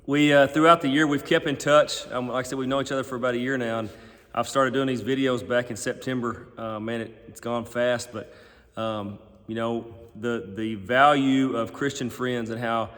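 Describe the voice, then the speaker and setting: A man hosts a casual chat at a middle pitch. He speaks in a halting, folksy manner, and his words ring with long echo inside a barn. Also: fairly even intonation, fairly bright tone. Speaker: host.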